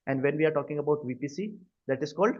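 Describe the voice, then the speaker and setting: Rapid-fire and lively in intonation, a slightly high-voiced man with an Indian accent teaches cloud computing in a live online session. Short check-in questions come often, and the video-call sound is dull and lo-fi.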